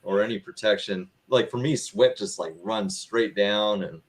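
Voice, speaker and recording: A man's voice: on the low side, normal speed. A man hosting a casual interview, asking chatty, joking questions. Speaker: podcast host.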